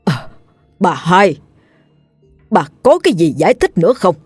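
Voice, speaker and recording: A woman's voice: on the low side, sing-song, measured pace, breathy edge, dry recording, studio quality, faint music behind, heavily acted. A woman voicing a stern older male landowner who barks orders and questions in a ghost story reading. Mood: furious. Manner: commanding, barking orders.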